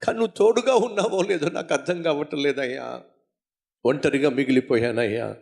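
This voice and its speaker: A man's voice: a little high, normal speed, gravelly, a little mellow. A frightened male patient pleads in prayer before his operation, voiced by a man preaching. He sounds plaintive, lonely and begging. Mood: pleading.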